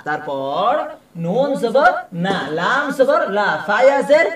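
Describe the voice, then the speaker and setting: A man teaching Quran reading, spelling out words letter by letter, asking questions and answering them himself, and slowly chanting the verses. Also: sits high, very animated, a bit bright, reverberant, distant mic. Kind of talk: spelling out a recitation lesson.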